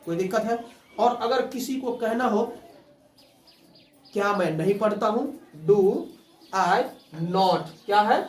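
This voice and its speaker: A man's voice: sits high, takes it slowly, pauses often. A man teaching a spoken English class, drilling students with call-and-response prompts. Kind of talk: classroom lesson. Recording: roomy, from far off the mic.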